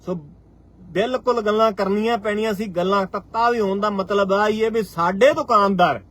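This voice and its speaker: Fiery high-voiced Punjabi man. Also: fairly even intonation, moderate pace, fairly bright tone. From Punjab, India. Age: 40s. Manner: fiery, rhetorical, repeats phrases for emphasis. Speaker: farmers' union state leader. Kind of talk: impassioned live-stream address.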